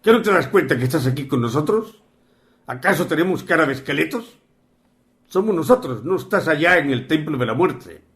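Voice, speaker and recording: A man's voice: fairly high pitch, lively intonation, fairly quick, voice pushed up. Man quoting a stern commanding master. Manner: forceful, imperious commands.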